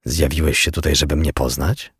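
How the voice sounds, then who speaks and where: Gruff, cold detective, dropped low and husky, clipped accusations , read by a man. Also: fairly even intonation, normal speed, a bit bright, dry recording, studio quality, full character voice. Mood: wary. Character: hard-bitten, furious male homicide detective.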